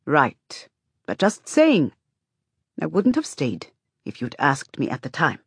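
A woman's voice: low-pitched, wildly swooping pitch, slow pace, breathy edge, no echo, clean studio sound, exaggerated voice. A woman voicing a blunt, stubborn, teasing woman in audiobook dialogue, with a sardonic, needling manner.

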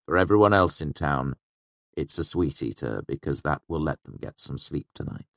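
A man reading an audiobook, voicing a calm, weary male innkeeper who speaks in a dry, measured way. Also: a bass voice, creaky, dry recording.

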